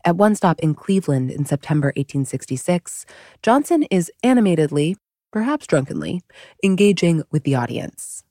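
A woman's voice: fairly low pitch, sing-song, moderate pace, warm tone, no echo, studio quality. A woman hosting a podcast, reading scripted history narration in a wry, conversational storytelling manner. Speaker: podcast host.

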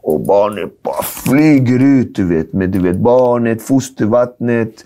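A middle-aged man, telling a personal story in a casual conversation, animated and full of slang and fillers. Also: medium pitch. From Sweden. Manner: animated, acts out dialogue, street slang, lots of filler. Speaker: guest.

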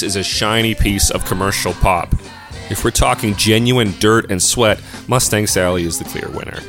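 A man's voice: on the low side, a bit bright. A man co-hosting a music debate podcast, reading prepared arguments with a dry, sardonic wit. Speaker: podcast co-host.

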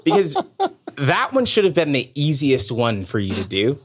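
A woman's voice: very deep voice, huge pitch swings, moderate pace, husky. Dry-witted woman podcast co-host. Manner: dry, wry critiquing. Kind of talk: casual chat.

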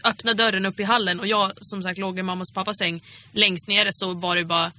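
A young woman with a Swedish accent, co-hosting a casual podcast and telling stories with acted-out quotes. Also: mid-range voice. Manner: animated storyteller, acts out quotes. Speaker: podcast co-host. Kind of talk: casual chat.

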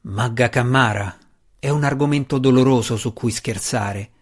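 A man voicing a gruff, weary deep gnome man weighed down by guilt, speaking slowly and in a low grumble. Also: lightly acted.

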